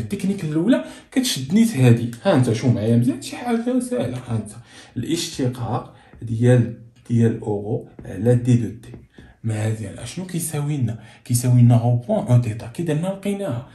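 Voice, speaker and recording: A quick-paced Moroccan man gives a physics lesson in an echoey room. His voice is dark and mellow, and he keeps firing questions at the class, then answering them himself. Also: mid-range voice. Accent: Moroccan Arabic. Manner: asks and answers his own questions, coaxing students to follow. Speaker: physics teacher. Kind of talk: blackboard lesson.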